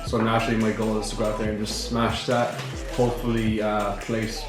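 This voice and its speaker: A man's voice: fairly low pitch, little pitch movement, fairly quick. A young man and fitness coach in casual chat, upbeat and laughing often. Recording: very echoey room with music playing.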